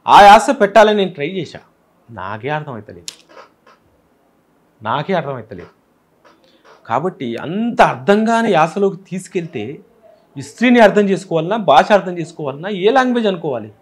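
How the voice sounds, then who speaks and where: A man's voice: on the high side, sing-song, normal speed, pauses often. A man with a Telangana Telugu accent, a film director, explaining his film in an interview with examples from village speech. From Telangana, India.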